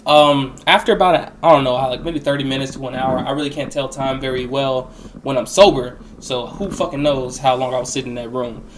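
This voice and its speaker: A man's voice: mid-range voice, steady tone, brisk, a little hiss or hum. A young man telling a personal story in a casual, rambling way, with plenty of slang and swearing. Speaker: storyteller recounting a personal experience.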